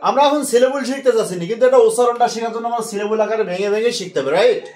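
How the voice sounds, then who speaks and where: High-voiced Bengali teacher drilling a class. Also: male voice, racing, a little mellow, reverberant. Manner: drills students with call-and-response, mixes Bengali and English. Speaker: English teacher. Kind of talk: classroom English lesson.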